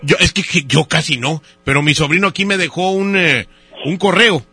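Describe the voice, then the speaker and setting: A man's voice: on the high side, moderate pace, sharp tone, husky, no room sound. A man who hosts a radio show, making a prank phone call and playing a hesitant customer, full of fillers and teasing jokes. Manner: teasing and joking. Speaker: radio host.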